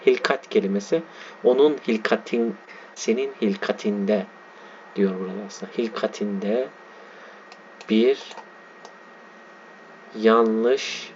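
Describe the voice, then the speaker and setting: A man teaching a lesson, reading a text aloud slowly and spelling out its letters and words as he explains them. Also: lowish voice, darkish tone. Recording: dull lo-fi sound with faint background noise.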